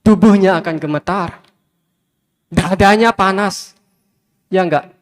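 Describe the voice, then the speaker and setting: In a large hall packed with fans, a Buddhist monk preaches at a measured pace, his voice sitting high. He drives his message home by repeating emphatic phrases to his listeners directly, with long reverb trailing his words.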